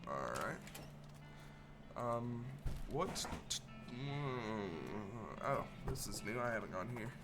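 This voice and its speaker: A man with a mid-pitched voice plays through a video game and comments casually. He mumbles little asides and reads game text aloud, with music behind him. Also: big pitch swings, takes it slowly, long pauses.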